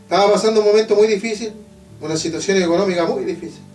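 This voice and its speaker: A man from Chile with a Chilean Spanish accent, preaching an evangelical sermon and telling a testimony with emphatic, drawn-out phrases and repeated refrains. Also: high voice, darkish tone. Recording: echoey church hall from a distance with faint guitar. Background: faint guitar playing.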